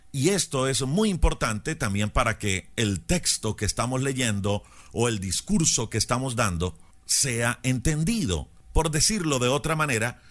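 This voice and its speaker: A man who lectures on public speaking, telling a story and then explaining a lesson in a measured, explanatory way. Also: mid-range voice, fairly bright tone.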